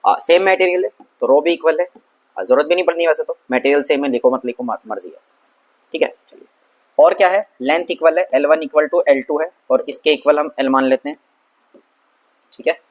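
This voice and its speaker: A man with a slightly higher voice teaches a school science lesson in a casual, conversational tone. He keeps asking questions aloud and answering them himself, sprinkles in English terms and slows down when reading English text. He sounds like a friendly tutor working through a problem on a board. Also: dull audio. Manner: conversational, asks and answers his own questions; mixes English terms and reads English text slowly.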